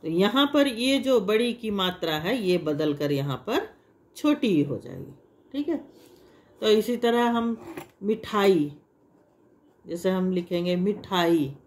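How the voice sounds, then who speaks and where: A woman gives a lesson to children at a measured, unhurried pace. She explains patiently, repeating each example. When she demonstrates long sounds, she draws the vowels out. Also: mid-range voice, big pitch swings, darkish tone. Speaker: Hindi teacher.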